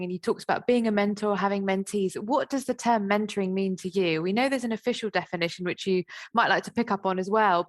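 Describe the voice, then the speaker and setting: A woman hosting a podcast who asks interview questions and affirms her guest encouragingly. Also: mid-range voice. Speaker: podcast host.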